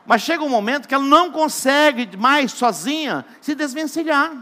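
A man with a Brazilian Portuguese accent preaching a sermon, telling jokes and stories, dropping to a hush and then rising to loud emphasis. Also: very high voice, lively intonation, moderate pace. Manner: joking storyteller, shifts between hushed and loud emphatic. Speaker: pastor.

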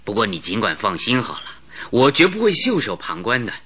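Mycroft, the earnest elder brother. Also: male voice, on the low side, wildly swooping pitch, fairly quick, pushed and bright, breathy edge, exaggerated voice. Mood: reassuring. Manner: earnest, pleading, apologetic. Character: Mycroft, Holmes's elder brother, intelligence chief. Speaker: radio drama actor. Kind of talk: 1960s radio drama acting. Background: music bed.

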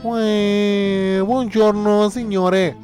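Radio comedy caller: male actor as blustering Neapolitan singer, higher-pitched, vulgar street slang, indignant, music behind. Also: little pitch movement, drawn-out words, a little mellow. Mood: chummy. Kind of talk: comic phone-in character on a radio show.

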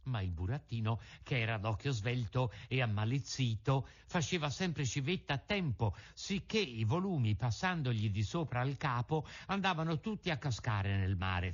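A man from Italy reading a classic children's book aloud with lively, theatrical storytelling. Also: medium pitch. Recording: dull lo-fi recording.

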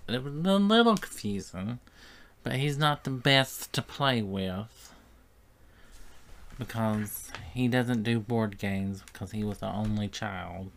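A man with a drawl talks unhurriedly on a casual podcast. He rambles from one thing to the next and slips in dry little jokes. His pitch sits in an ordinary middle range. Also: fairly bright tone. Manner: slow, rambling, dry joking. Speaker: podcast co-host.

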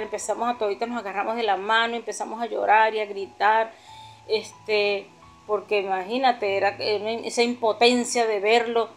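A middle-aged woman with a Venezuelan accent giving an earnest, heartfelt personal testimony in church. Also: medium pitch. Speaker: pastor's mother-in-law giving a testimony.

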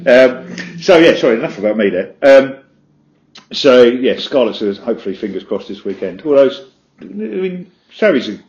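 A man's voice: medium pitch, sing-song, normal speed, a little mellow. A jovial man from Wales hosting a casual chat. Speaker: host. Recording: echoey room, dull lo-fi sound.

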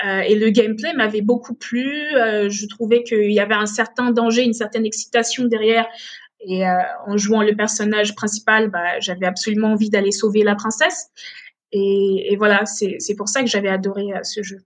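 A woman's voice: mid-range voice, steady tone, moderate pace. Woman, late twenties, from Togo and Benin; hesitant podcast guest who restarts her sentences often. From Togo, raised in Benin. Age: late 20s. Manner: hesitant, many fillers and restarts. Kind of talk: casual podcast interview.

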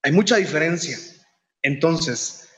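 A man's voice: fairly high pitch, expressive, unhurried, fairly bright tone. A man pastor preaching a fervent sermon, repeating phrases for emphasis.

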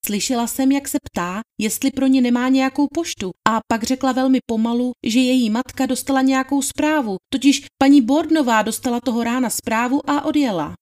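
A woman's voice: sits high, few pauses, a little mellow, close to an everyday voice. A woman reading the part of a deferential young housemaid giving witness testimony in plain, polite answers. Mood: testifying. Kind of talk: dramatized trial testimony reading.

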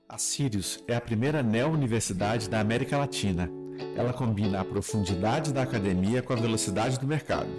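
An upbeat male podcast host with a mid-range voice. He presents energetically and reads the sponsor messages, with music clearly playing behind him. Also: mid-range voice. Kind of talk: podcast hosting and sponsor read.

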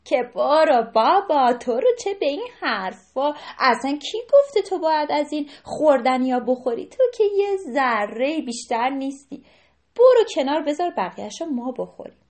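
A bossy, mocking deer from the herd, talking down with loud scorn, as a woman storyteller voices it. The voice stays fairly high but mellow in tone. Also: lively intonation. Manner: teasing, scornful.

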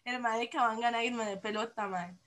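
A woman's voice: fairly high pitch, fairly even intonation, a little fast, fairly bright tone. A Costa Rican woman chatting casually as a podcast co-host, playful and dramatic, mixing Spanish and English in Spanglish. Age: 30s. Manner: Spanglish, switching between Spanish and English mid-talk. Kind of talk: casual chat.

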